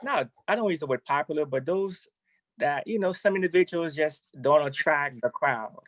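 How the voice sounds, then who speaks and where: A man's voice: fairly high pitch, animated, moderate pace, a bit bright, dry recording, poor audio. A man from Haiti, an educator being interviewed, who talks hesitantly with many ums.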